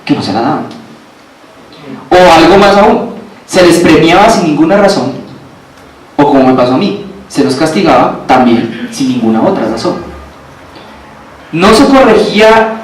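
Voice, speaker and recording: A man's voice: a little high, expressive, moderate pace, long pauses. A man preaching a sermon, asking the congregation questions and repeating phrases for emphasis. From Colombia. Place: church hall. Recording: very echoey hall, from far off, faint background noise.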